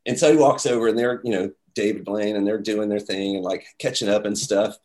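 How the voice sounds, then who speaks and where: A man telling a story in casual talk, animated, acting out quotes with many fillers. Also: on the low side, fairly quick.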